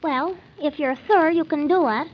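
An actress playing a prim, nervous, stubbornly clinging wife, fretful and earnest, in old-time radio comedy style. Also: female voice, sits high, normal speed, natural voice. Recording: dull, lo-fi old radio recording.

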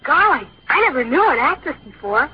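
A woman's voice: high voice, very animated, a little fast. A woman playing an earnest, naive schoolboy with a hesitant, stammering manner in an old-time radio comedy. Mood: bashful. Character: earnest, awkward, naive young teenage schoolboy. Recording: dull lo-fi old radio recording.

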